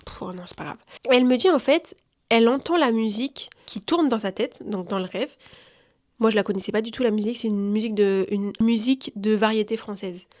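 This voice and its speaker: Here a young woman from France tells a personal story in a loose, slangy way and keeps slipping into quoted voices. Her voice sits a little high for a woman, and she keeps a casual, chatty flow. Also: a little mellow. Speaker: vlogger giving testimony.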